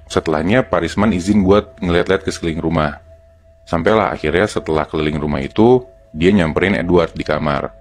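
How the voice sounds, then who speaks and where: Male podcast storyteller, Jakarta accent, deep voice, relaying horror tales casually and step by step. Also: fairly quick, slight background noise. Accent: Jakarta Indonesian. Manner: colloquial, step-by-step narration.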